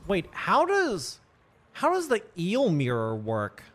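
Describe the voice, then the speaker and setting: Man muttering through a game, lively pitch. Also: takes it slowly. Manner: thinking aloud, muttering asides. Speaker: streamer. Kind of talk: casual gameplay commentary. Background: faint game music.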